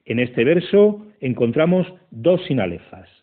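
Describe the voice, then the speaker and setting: A man reading a scripted lesson in a slow, methodical way, counting syllables aloud. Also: mid-range voice, sing-song. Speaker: teacher. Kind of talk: scripted educational narration. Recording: tinny phone-like audio.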